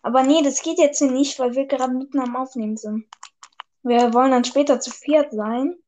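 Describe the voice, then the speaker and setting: Woman gamer, high voice, slangy and teasing, casual play-along chatter. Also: steady tone, fairly quick, mellow, a little hiss or hum. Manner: slangy, teasing, laughs often. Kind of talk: casual gaming chat.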